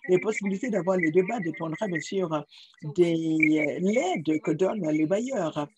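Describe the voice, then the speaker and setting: A man giving simultaneous interpretation of a panel discussion, halting, with frequent restarts and repeated words. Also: high-pitched, background noise. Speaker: conference interpreter.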